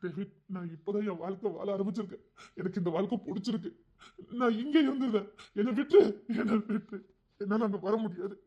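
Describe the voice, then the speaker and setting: A man's voice: sits high, quick pace. A man with a Tirunelveli Tamil accent voicing a tender, pleading gang king who longs for family life in an audio story. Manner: soft, pleading, heartfelt. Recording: dull lo-fi recording.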